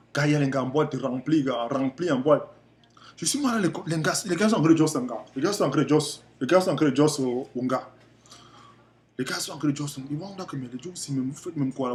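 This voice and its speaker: Rambling Cameroonian man, higher voice. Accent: Cameroonian French. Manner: rambling, animated, repeats himself often. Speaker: vlogger. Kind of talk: casual storytelling to camera.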